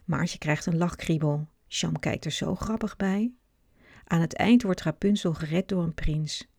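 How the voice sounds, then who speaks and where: A woman reading a children's book aloud with clear, expressive narration. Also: fairly low pitch, measured pace, no room sound, studio quality. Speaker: storyteller.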